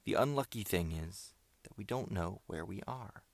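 A man's voice: fairly low pitch, animated, normal speed, creaky, no room sound. A man reading the part of a sensible, level-headed boy who leads his group, talking things through persuasively. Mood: earnest.

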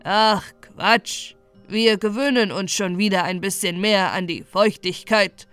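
A chorus of frogs, croaking and shouting together, put on by a woman reading a storybook. The sound is loud and gruff against faint music. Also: medium pitch, fairly even intonation, a little slow, close to an everyday voice.

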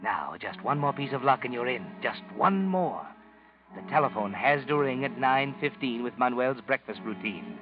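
An actor playing an ominous male narrator who addresses a killer in the second person, measured and brooding, from a muffled old radio broadcast with music behind. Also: mid-range voice, expressive, natural voice.

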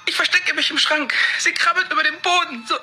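Woman as terrified small girl, stammering, high bright voice, horror story. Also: steady tone, fairly quick, faint music behind. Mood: scared. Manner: timid, stammering. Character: frightened little girl on emergency call.

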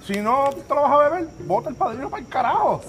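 A man's voice: extremely high pitch, sing-song, fast talker, music in the background. A man with a Puerto Rican accent hosting a rowdy, swearing group chat and steering the topics. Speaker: podcast host.

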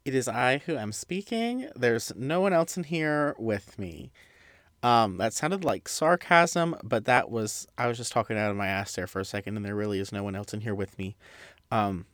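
A man's voice: medium pitch, a bit bright, dry recording. A young adult man hosting a casual solo podcast, rambling through tangents and side remarks. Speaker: podcast host.

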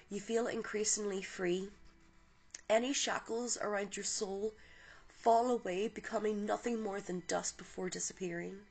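A woman hosting a spiritual podcast, reading oracle cards and a guided meditation in a soft, gentle, unhurried voice. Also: mid-range voice, gravelly, slightly rough, rough recording.

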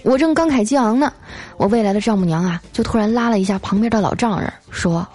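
A woman telling comic anecdotes in a lively, scripted way, stretching out filler sounds between phrases. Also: mid-range voice, fast. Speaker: storyteller host.

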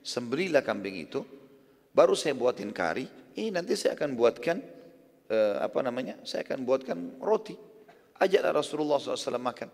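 A man's voice: medium pitch, very animated, a little fast, vocal fry, a little mellow. A man voicing a clever, practical wife who pleads and insists, in a hall with long reverb.

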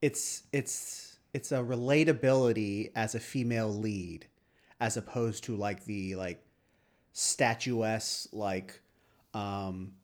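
A man co-hosting a casual movie discussion, talking in a halting way with plenty of "like". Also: on the low side, fairly even intonation. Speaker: podcast co-host.

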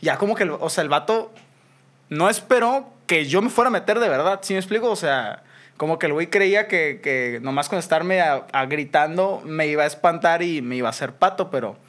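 A man's voice: on the high side, lively intonation, fairly quick, fairly bright tone. A young man with a Mexican accent, co-hosting a casual podcast chat and telling a story animatedly, full of slang and swearing. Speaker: podcast co-host.

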